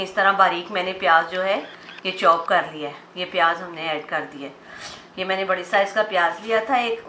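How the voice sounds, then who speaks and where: Woman cooking host, bright chatty voice, step-by-step home recipe, roomy kitchen echo with frying behind. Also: medium pitch. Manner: chatty, step-by-step, addresses viewers directly. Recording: roomy kitchen echo, faint background noise. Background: oil frying in a pan.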